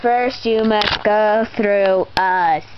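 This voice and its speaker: A young performer playing a villainous guard of a master, speaking with slow, drawn-out theatrical menace in an amateur cartoon episode. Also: mid-range voice, voice pushed down. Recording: dull lo-fi home recording, noisy background.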